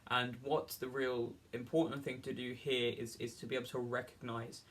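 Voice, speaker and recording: A man delivers an earnest, unscripted opinion monologue, halting and rambling, often repeating and rephrasing himself as he makes his case. His voice is medium-pitched and fairly bright, with a flat delivery.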